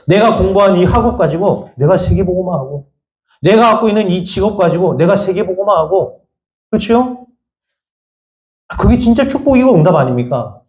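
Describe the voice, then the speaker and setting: A male pastor preaching a sermon, firing rhetorical questions at the congregation and swinging between raised high lines and quiet low asides. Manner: emphatic, fires repeated rhetorical questions at the congregation. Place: church sanctuary. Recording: echoey church room.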